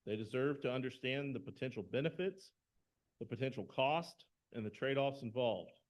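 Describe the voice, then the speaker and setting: A man serving as moderator, giving a measured, formal prepared introduction at a town hall. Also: mid-range voice. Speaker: event moderator introducing the speaker.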